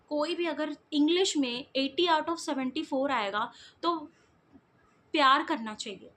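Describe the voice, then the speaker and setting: A young woman with a high, bright-pitched voice tells stories straight to her viewers in a relaxed, chatty vlog manner. She talks in a giggly, easygoing way. A faint hum of room sound sits behind her. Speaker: vlogger. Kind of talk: casual storytelling to viewers.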